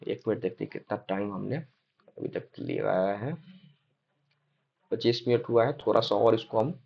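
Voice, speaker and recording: A young man with a medium-pitched, creaky voice gives an explanatory exam-prep lecture, reading points aloud with some hesitant fillers. He keeps checking in with listeners using tags like "है ना?" and "ठीक है?". The recording is slightly dull and lo-fi.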